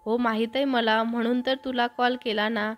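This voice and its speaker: A woman's voice: fairly high pitch, level tone, moderate pace, lightly acted. A woman voicing a young college student in a storybook tale, with a teasing, slightly pouty delivery.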